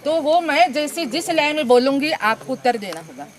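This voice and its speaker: A woman teacher formally greeting staff and students before asking for their feedback, speaking in a measured way. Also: sits high, sing-song, soft background music. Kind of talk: formal address to an audience. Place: outdoor school event. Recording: distant and noisy.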